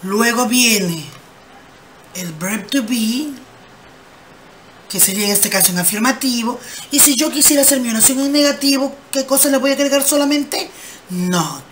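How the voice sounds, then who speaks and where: A woman whose voice sits on the high side, with lively intonation, delivers a slow grammar lesson in English. Patient throughout, she asks and answers her own rhetorical questions and reads the English examples slowly and clearly, with faint background noise present.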